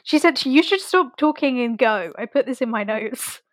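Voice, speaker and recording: A woman's voice: high-pitched, lively intonation, normal speed, no room sound. A woman chatting casually about a film, retelling scenes with lots of "like".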